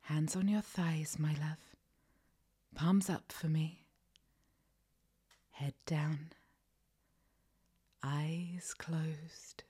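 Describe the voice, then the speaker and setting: A woman whispers in a slow, commanding ASMR roleplay, full of soft endearments. Her voice sits low and mellow, drawn out at a very unhurried pace. The whisper is airy and breathy throughout. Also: fairly even intonation.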